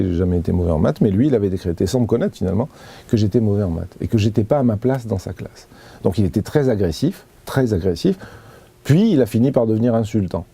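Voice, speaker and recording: A man's voice: lowish voice, gravelly, warm tone, breathy edge, no room sound. A man being interviewed, giving an earnest personal account with many hesitations and restarts. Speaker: interview guest.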